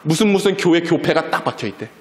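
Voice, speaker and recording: Animated male pastor in an echoey church. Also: on the high side, fast talker. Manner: storytelling sermon acting out family quarrels in quoted voices. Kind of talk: sermon. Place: church sanctuary.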